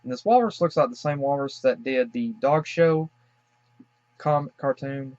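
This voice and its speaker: A man from the Southern United States talks through a cartoon he is reacting to, musing aloud with frequent fillers and apologetic asides. His voice sits at an ordinary middle pitch. The recording is dull and lo-fi, with a dry, close sound. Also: unhurried, a little mellow, no room sound. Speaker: cartoon reaction channel host. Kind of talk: casual reaction commentary.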